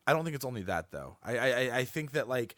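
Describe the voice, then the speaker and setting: A man's voice: mid-range voice, big pitch swings, quick pace, fairly bright tone, no room sound. A man co-hosting a gaming podcast, talking with enthusiasm and casual swearing. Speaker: podcast co-host. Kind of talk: casual chat.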